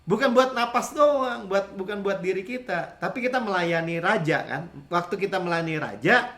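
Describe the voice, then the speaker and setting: A man preaching a sermon as pastor, in a lively conversational way, acting out other people's voices. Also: high voice, moderate pace.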